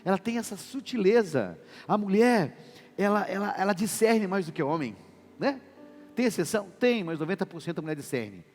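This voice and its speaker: Pastor guy preaching, lively up-and-down voice, echoey church hall. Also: sits high, fairly quick. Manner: animated preaching, acts out quoted wife and husband voices. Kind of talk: sermon. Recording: reverberant church hall with music behind.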